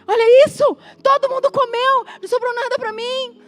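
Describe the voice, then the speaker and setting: A shrill, sulking young man who feels ignored by everyone around him, as a Brazilian woman preacher puts him on. The voice climbs high and loud into a whiny complaint. Soft music sits faintly underneath. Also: steady tone, normal speed. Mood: self-pitying. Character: young man sulking, self-pitying, feeling unvalued.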